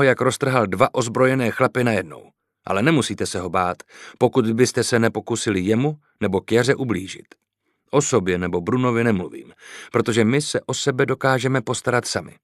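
A man's voice: mid-range voice, no echo, natural voice. A man reading the lines of a commanding young nobleman in an audiobook, dry and ironic.

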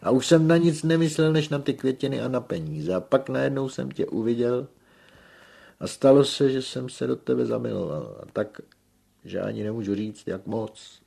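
A man voicing a desperate, lovesick young peasant who pleads loudly and tearfully. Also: mid-range voice, animated, creaky, slightly rough, full character voice. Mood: desperate pleading.

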